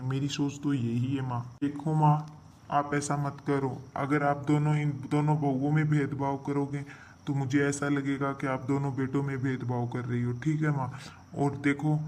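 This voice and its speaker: A man's voice: medium pitch, darkish tone, a little hiss or hum, natural voice. A man playing a level-headed son and husband who persuades his mother in a reasoning way, in a comedic family skit.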